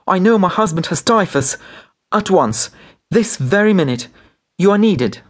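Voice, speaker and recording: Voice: medium pitch, expressive, measured pace, voice pushed up. A reader voicing a distraught young wife, pleading in a tearful, urgent way, in a story. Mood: urgent despair.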